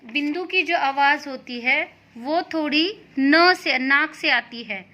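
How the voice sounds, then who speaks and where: A woman's voice: high voice, slow, sharp tone. A woman teaching a lesson to young children, patient and spelling out each sound.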